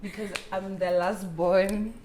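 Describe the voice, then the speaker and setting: A woman's voice: medium pitch, little pitch movement, slow pace, mellow. A woman from South Africa with a South African accent, chatting casually and jokingly as a podcast guest. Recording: roomy echo, faint noise.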